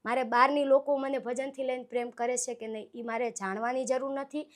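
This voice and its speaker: A woman's voice: on the high side, fairly even intonation, brisk. A woman, from Saurashtra in Gujarat, speaking as a guest folk singer in a casual interview and telling her stories earnestly. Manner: earnest, heartfelt, storytelling.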